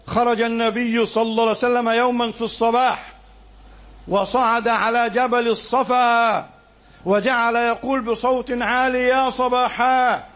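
A man preaching a Friday sermon in an Egyptian Arabic accent, impassioned and at times shouting his exhortations. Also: very high voice.

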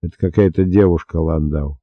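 A barking, impatient prison guard, read by a man in a very low voice. The recording is muffled and lo-fi, with no room sound. He snaps out his orders. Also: fairly even intonation, fairly quick, breathy edge, no echo. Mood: gruff. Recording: dull dry lo-fi recording.

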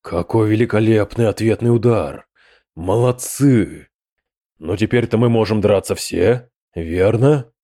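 A man's voice: fairly low pitch, measured pace, dry recording, studio quality. A man voicing a furious rotting demon prince. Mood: fired up. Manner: fierce, sharp outbursts.

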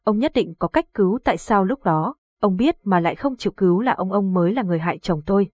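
A woman's voice: medium pitch, animated, fast talker, darkish tone, breathy edge, no echo. Woman doing a frantic, greedy middle-aged trader woman. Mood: accusing. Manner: stammering, pleading.

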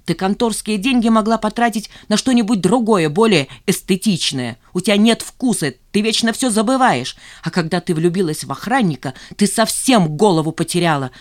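A woman voicing a sharp-tongued, indignant office woman who scolds her coworkers. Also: mid-range voice, animated, normal speed, hardly any pauses, lightly acted. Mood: scolding indignant. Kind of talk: audiobook character voice.

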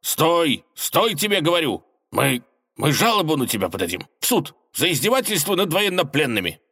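A man voicing a blustering wolf who shouts threats. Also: a little high, big pitch swings, moderate pace, husky, pitched above the performer's own voice, full character voice. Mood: shouting.

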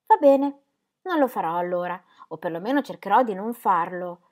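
A woman's voice: medium pitch, expressive, moderate pace, a little mellow, natural voice. A woman voicing a bewildered young wife. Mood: yielding. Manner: bewildered, insistent questioning. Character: naive young married woman, puzzled, earnest.

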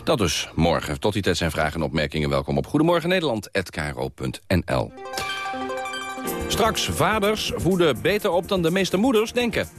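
A male radio host announcing the segments in a smooth, steady way. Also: fairly low pitch, moderate pace, music in the background. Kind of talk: radio presenting.

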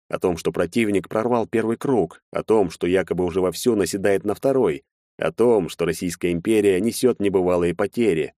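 A man narrating a fantasy audiobook in the first person with a low voice. His reading is steady and measured. The recording is dry and close. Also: no echo.

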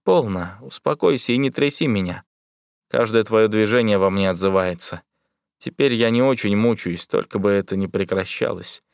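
A man's voice: lowish voice, moderate pace, gravelly, no room sound. Man playing a bitter wounded captain, sardonic, curt, dead dry sound.

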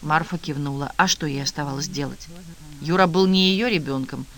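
A man reading a novel aloud in an even, measured narration. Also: a little high. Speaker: audiobook narrator. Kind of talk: scripted narration.

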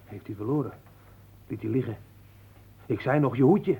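A man playing an anxious, simple-minded young villager who blurts and shouts in a childlike way, in an old radio drama. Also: medium pitch, moderate pace, breathy edge, phone-quality sound. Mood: excited. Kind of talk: 1960s radio drama acting.

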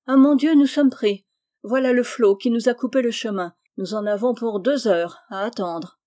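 A woman's voice: medium pitch, level tone, moderate pace, dark tone, natural voice. A woman reading aloud, voicing a timid young man who courts a married woman. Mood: feigned dismay. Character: timid young male suitor.

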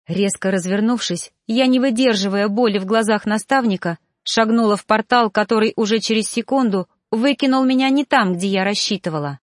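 A woman's voice: medium pitch, brisk, hardly any pauses, no echo, studio quality. A woman narrating a first-person romance novel in an emotive, dramatic way. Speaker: audiobook narrator.

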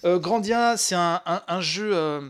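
A man co-hosting a casual podcast, with a high voice. He stumbles and restarts often, filling gaps with hesitations as he thinks aloud. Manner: halting, many restarts and fillers, laughs. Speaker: podcast co-host. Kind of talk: casual chat about retro games.

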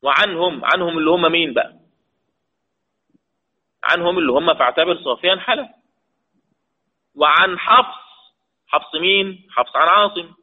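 Teaching Quran recitation rules in Egyptian Arabic, this fairly high-pitched man quizzes his class and then supplies the answers himself. His lecture moves between colloquial and formal Arabic, with important terms stretched out slowly. The sound is lo-fi and tinny, like a phone.

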